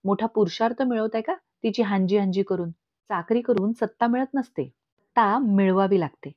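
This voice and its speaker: A woman voicing a bitter, vengeful middle-aged aunt who talks in a sharp, taunting way. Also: medium pitch, normal speed, no echo, close to an everyday voice. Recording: dull lo-fi recording.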